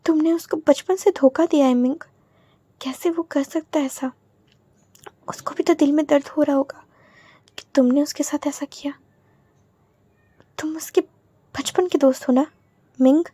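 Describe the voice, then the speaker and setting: Woman doing a soothing young man in a storybook tale, soft, mellow tone, high voice. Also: steady tone, normal speed, long pauses, no room sound, lightly acted. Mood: reproachful. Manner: soft, soothing, firm when needed. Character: gentle, protective young man.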